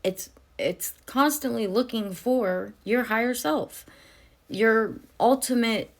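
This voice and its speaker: A woman's voice: fairly high pitch, takes it slowly. A tearful woman giving an earnest, emotional spiritual testimony, speaking to her viewers and filling her talk with "you know". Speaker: spiritual vlogger. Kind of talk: personal testimony to camera.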